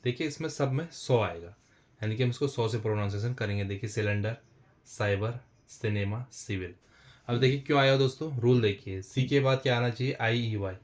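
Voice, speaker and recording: A fast-talking man with a mid-range voice teaches a basic English spelling lesson, writing on a board as he explains step by step. He repeats himself and calls his viewers friends.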